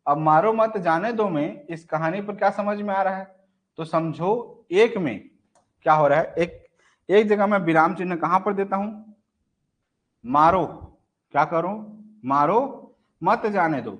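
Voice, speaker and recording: The recording has its highs cut off, but the young adult man's voice comes through high-pitched at a normal speed. Leading an online exam-prep lesson, he acts out example phrases and keeps throwing in rhetorical questions to make sure students follow.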